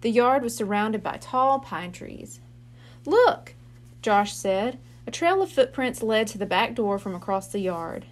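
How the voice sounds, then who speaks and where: A woman, a librarian, reading a children's mystery aloud in clear, steady narration. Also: mid-range voice, a little slow, few pauses. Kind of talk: storybook read-aloud.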